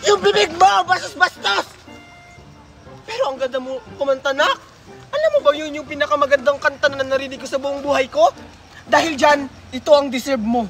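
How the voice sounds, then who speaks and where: A bossy woman barks and scolds as she hands out Christmas gifts, as a performer puts her on. Her voice sits high and sharp and swoops widely between jeers and praise. Music plays behind her in this comedy skit. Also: lively intonation, normal speed. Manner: scolding, shouting, blunt insults. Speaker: gift giver.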